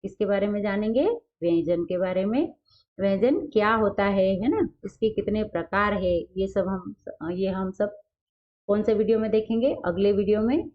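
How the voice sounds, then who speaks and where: Female teacher for a children's grammar lesson, question-and-answer drilling, somewhat muffled recording. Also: mid-range voice. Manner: asks questions and answers them herself, drawn-out example words.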